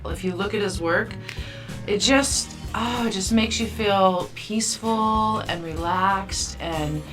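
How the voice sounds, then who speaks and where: A woman stylist speaking softly and reflectively in an interview confessional, filling with "like". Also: mid-range voice, slow. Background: music.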